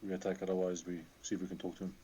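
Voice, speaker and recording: A man with a fairly low, mellow voice chats as a player in a tabletop game. His way of talking is casual. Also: level tone, racing, muffled recording, a little hiss or hum.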